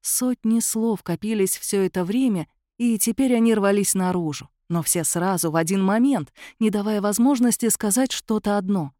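A woman reading a story aloud as a narrator, in an expressive storytelling manner. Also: medium pitch, moderate pace, few pauses, no room sound, studio quality. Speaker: audiobook narrator. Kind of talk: scripted narration.

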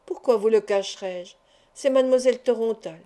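A woman's voice: on the high side, a little fast, warm tone, lightly acted. A woman voicing an earnest, emotional young man who pleads with an older friend, in a read-aloud novel. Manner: emotional, imploring.

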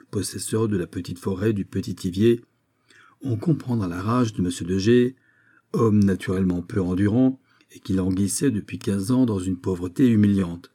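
A male narrator reading a period short story aloud, measured and steady. His voice is low and dark in tone, with a husky grain that never clears. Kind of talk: audiobook narration of a 19th-century short story.

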